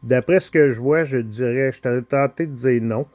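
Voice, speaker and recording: Un homme à l'accent québécois présente sa collection de petites voitures dans un vlog décontracté, en parlant avec hésitation et de nombreuses pauses. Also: male voice, mid-range voice, darkish tone, no echo. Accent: Quebec French. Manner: slow, hesitant, full of pauses and filler sounds. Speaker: toy car collector showing his collection. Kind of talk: casual unboxing vlog.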